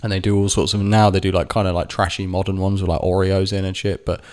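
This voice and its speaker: A man's voice: low-pitched, flat delivery, quick pace, a little mellow. A man telling a rambling, sweary personal story to camera, often stopping to correct himself. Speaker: vlogger. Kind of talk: casual storytelling monologue.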